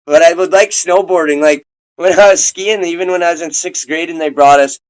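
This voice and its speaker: Casual male interviewer from Minnesota, high voice, loose rambling delivery. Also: fairly even intonation, a little fast, smooth, low-quality recording. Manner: laid-back, rambling, swears casually.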